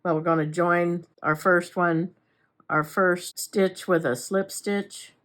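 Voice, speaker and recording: A woman with a somewhat low voice walks through crochet steps in a relaxed, casual tutorial. She talks as she works, unhurried, with chatty little asides and self-corrections. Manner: unhurried, talks while working with her hands. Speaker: crochet instructor. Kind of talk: casual step-by-step craft tutorial.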